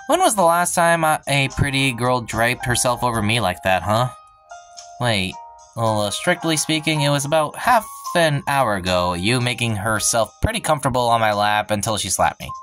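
A man hosting a let's play reads a visual novel's first-person narration aloud at a middle pitch. He stumbles over words and breaks off for wry comments of his own. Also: fairly bright tone.

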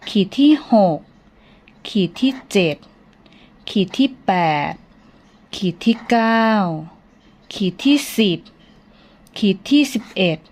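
A woman's voice: on the high side, expressive, slow, long pauses, darkish tone. A woman teacher counting strokes aloud in a patient, sing-song way for young children. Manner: polite, coaxing teacher talk.

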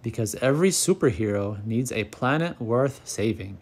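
A man narrating a children's picture book aloud, calm and clear, as the channel's storyteller. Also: medium pitch, moderate pace.

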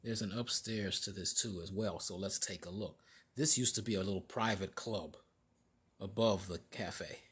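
A man narrating a casual walking tour inside a large store, halting often with fillers and restarts. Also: sits low, slightly rough. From Chicago area. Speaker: vlogger.

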